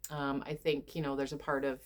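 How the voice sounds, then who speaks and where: A stuffed-up woman with a nasal voice, talking softly and hesitantly in a personal vlog, with many ums and sighs. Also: rumbling low, flat delivery, fairly quick. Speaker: vlogger.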